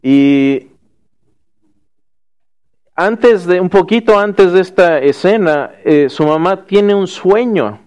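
A male teacher telling a story to his class in a lively way, acting out the quotes and adding a bit of folksy humor. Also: high-pitched, slow pace, long pauses, smooth.

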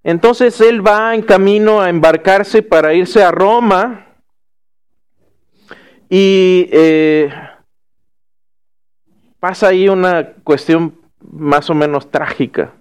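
A male teacher with a high, smooth voice tells a story to his class. He speaks slowly and acts out the quotes. He adds a bit of folksy humor.

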